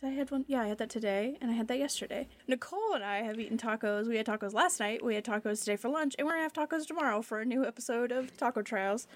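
A woman's voice: fairly high pitch, fast, hardly any pauses. A woman producer joining a casual podcast chat, eager and game as she learns.

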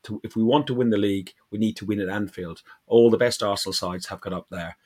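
A man's voice: fairly low pitch, fast, darkish tone. A man hosting a casual football podcast, steering the talk and passing to the others. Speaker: podcast host.

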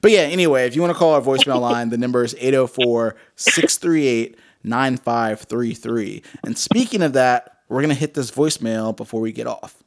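A man's voice: mid-range voice, moderate pace, hardly any pauses. Laid-back bro-ish male podcast host. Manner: laid-back frat-bro slang, peppered with "dude" and "man". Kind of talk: casual podcast chat.

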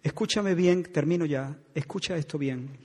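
Casting: middle-aged male pastor, high husky voice, fervent sermon delivery, long church reverb. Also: normal speed, darkish tone. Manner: impassioned preaching, rising to pleading.

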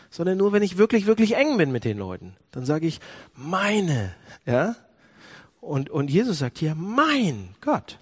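A male preacher delivering a sermon in a fairly high voice that rises and falls over a wide range. He drops to quiet, low tones, then climbs loud and high, and keeps asking his listeners questions. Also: husky. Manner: asks the congregation direct questions.

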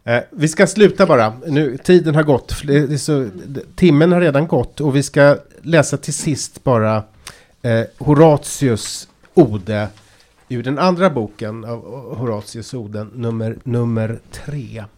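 A man leads a conversation about reading poetry aloud, pausing and restarting often. He explains patiently in an ordinary mid-pitched voice. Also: a little mellow. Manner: hesitant, many fillers and restarts, explains patiently. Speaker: podcast host. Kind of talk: casual discussion of poetry.

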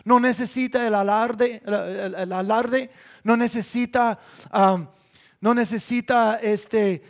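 A man preaching a sermon in an earnest way, often dropping to a soft voice for emphasis. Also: sits high.

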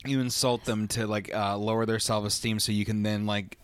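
A man's voice: fairly low pitch, flat delivery, brisk, clear, resonant tone, no room sound. A man co-hosting a casual movie commentary, joking, swearing freely and laughing often.

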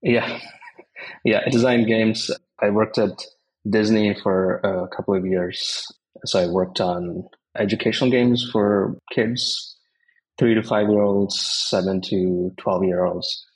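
An Indian co-founder of a tech company answers interview questions in a measured, explanatory way. His voice is on the low side with fairly even intonation, and the audio quality is poor.

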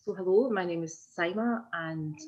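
A community development worker from Glasgow, a woman in her forties with a Glaswegian Scottish accent, gives an informal oral history interview over a video call. Her fairly low, darkish voice moves at a moderate pace, hesitant and meandering with frequent repetitions. The audio is muffled lo-fi video call sound.

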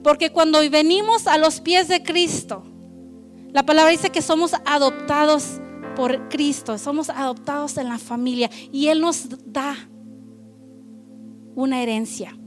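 A woman's voice: high-pitched, measured pace, faint music behind. A woman preaching a conversational sermon, mixing in English phrases. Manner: switches between Spanish and English, conversational and lively.

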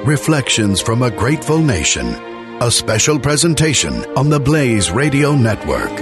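A man's voice: medium pitch, very animated, moderate pace, over music. A male station announcer reading a formal scripted introduction.

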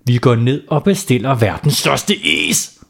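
A man's voice: medium pitch, very animated, creaky, fairly bright tone, slightly rough, full character voice. A man playing a stubborn little girl. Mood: insistent. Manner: demanding, piling up big words. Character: stubborn eight-year-old girl wanting a huge ice cream.

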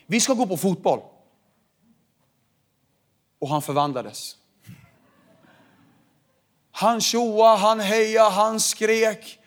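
High-voiced Swedish pastor preaching. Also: male voice. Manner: animated, swings from quiet to shouting. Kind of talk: lively preaching sermon. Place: large hall with live audience.

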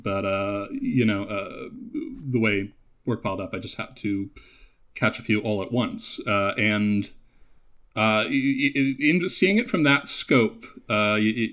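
A man with a Canadian accent, a podcast guest in casual chat, who stammers through many restarts and lets his phrases trail off softly. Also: on the low side.

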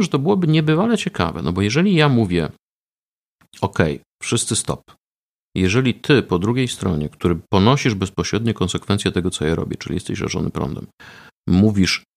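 A man being interviewed about research he ran, explaining in a measured way with frequent hesitation fillers. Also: on the low side, gravelly. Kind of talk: conversational interview.

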